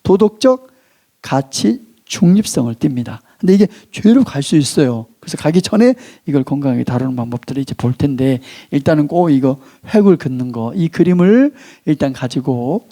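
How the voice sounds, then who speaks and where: A male pastor giving a sermon in a church, his voice pitched a bit high with lively rises and falls. His tone is mellow and warm. He draws out key phrases slowly, then lets his voice sink, and he has the congregation read along with him. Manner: leads the congregation in call-and-response reading.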